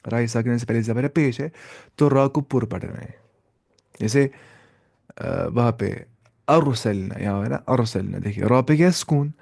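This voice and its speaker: A male Quran teacher with a gravelly, fry-edged voice at an ordinary pitch, explaining a lesson step by step. He keeps quizzing the class and answering himself, drawing sounds out slowly to show them. The recording is dry and close, with no room echo. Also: darkish tone. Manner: repeats and slowly drawls sounds to demonstrate.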